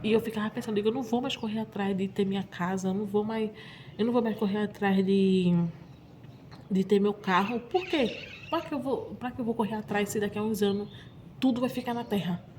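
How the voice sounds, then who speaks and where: A woman speaking to her vlog audience in a warm, mellow voice. She talks in an emotional, confessional way, circling back over the same phrases again and again. A faint noise sits under her voice. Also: mid-range voice, steady tone, fast. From Pernambuco, Brazil. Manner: repetitive, often addressing viewers directly. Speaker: vlogger. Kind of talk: emotional personal confession to viewers.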